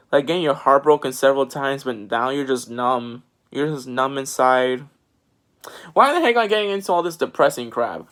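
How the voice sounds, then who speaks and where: A man's voice: mid-range voice, a bit bright. A teenage boy talking casually to his vlog viewers, rambling and switching accents now and then. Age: teens. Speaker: vlogger. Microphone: phone.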